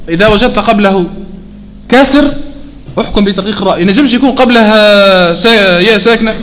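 High-pitched guy teaching tajweed, chants the examples slow, keeps asking if it's clear. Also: fairly bright tone. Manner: slowly chants recited examples, often checks "clear?". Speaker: Quran recitation teacher. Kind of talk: tajweed lesson.

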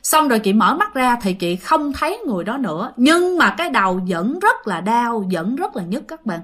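A woman with a Southern Vietnamese accent tells a ghost story casually, speaking directly to her listeners as she goes. Her fairly bright, high voice swoops up and down expressively, very animated at a normal speed.

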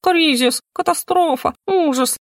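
A woman voicing an excitable small female magical creature with a shrill, rapid way of exclaiming. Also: no echo, studio quality, lightly acted. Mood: panicked.

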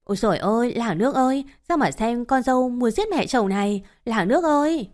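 A woman's voice: medium pitch, sing-song, fairly quick, natural voice. A woman voicing an older mother-in-law who scolds and accuses her daughter-in-law in a harsh, coarse way, over faint background music. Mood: shrill accusing. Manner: abusive, uses coarse address terms.

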